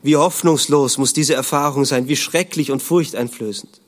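An earnest male preacher delivering a sermon at a mid pitch. He poses rhetorical questions to his listeners and sinks into a low, hushed voice on heavy lines. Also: moderate pace.

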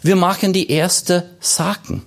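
A man's voice: high-pitched, fairly even intonation, takes it slowly, vocal fry. A man preaching a sermon as pastor, stressing his points by repeating phrases and by asking questions and answering them himself.

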